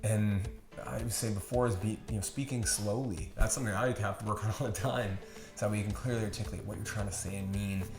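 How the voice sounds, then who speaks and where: A man's voice: fairly low pitch, fairly even intonation. A man hosting a podcast on relationships, talking casually in an earnest, careful way. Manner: earnest, speaks slowly and carefully. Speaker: podcast host. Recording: echoey room with faint noise.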